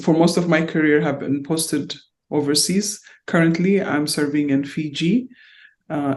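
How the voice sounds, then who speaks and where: A middle-aged woman speaks in an oral history interview. She was born in Ethiopia and raised in North Carolina, and she talks in a reflective, unhurried way. She pauses often and fills the gaps with small hesitations. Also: low-pitched, a little mellow. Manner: reflective, halting with frequent fillers. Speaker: interviewee, diplomat.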